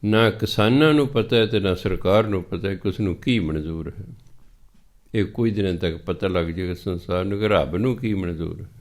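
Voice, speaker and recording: A man with a Punjabi accent giving a scripture sermon, reciting verses slowly and then explaining them patiently in plain talk. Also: lowish voice, darkish tone. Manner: patient, teacherly, repeats points.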